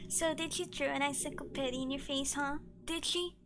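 A woman's voice: sits high, fairly even intonation, brisk, fairly bright tone, pitched above the performer's own voice. A woman voicing a whiny, nasal old man from a story video game. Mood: nagging.

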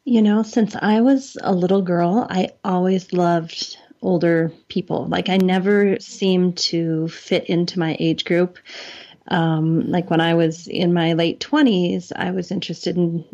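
A woman's voice: on the low side, fairly even intonation, measured pace, dark tone, dull audio. A woman in her forties, a podcast guest, talking in an earnest, thoughtful and chatty way. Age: 40s. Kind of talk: casual conversation.

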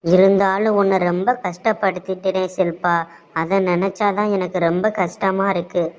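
A woman's voice: medium pitch, level tone, moderate pace, a little mellow, close to an everyday voice. A woman voicing a remorseful young man in a cartoon, pleading in a theatrical way, with a Tirunelveli Tamil accent. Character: remorseful young man, scheming, wavering son. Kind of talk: cartoon voice acting. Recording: dull lo-fi sound.

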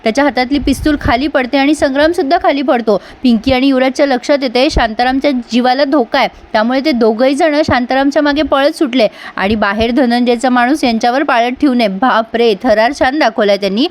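A woman giving a casual spoken recap of a TV serial episode, retelling it in a lively way and speaking straight to her viewers. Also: sits high, fast, hardly any pauses.

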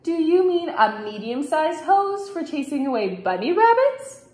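A woman voicing a calm, curious young boy in a storybook reading, with a gentle, questioning way of talking. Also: high-pitched, measured pace, pitched above the performer's own voice. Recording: roomy echo.

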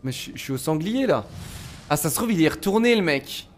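Slangy young male game streamer, higher-pitched voice. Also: animated, fairly quick, a little hiss or hum. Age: young adult. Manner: slangy, swearing, talking to his viewers. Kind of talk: casual let's-play commentary. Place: indoors at a streaming setup. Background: game music.

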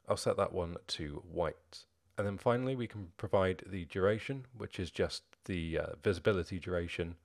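A young man narrating a screen-recorded coding tutorial, explaining each step in a steady, methodical way. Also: deep voice, creaky. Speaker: programming tutorial host.

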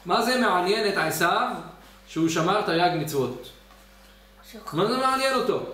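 A rabbi gives his weekly Torah class in a high, bright register. He tells the story with animation and acts out the voices in it. His voice rings around a very echoey study hall, picked up by a mic set some way off. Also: far from the mic. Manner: lively storyteller who acts out the quoted voices.

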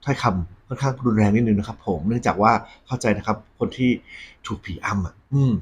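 A man hosting a ghost story segment, talking conversationally and politely to his audience with a husky voice. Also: on the low side, fairly even intonation, brisk, slight background noise. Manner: polite, frequent Thai male polite particles.

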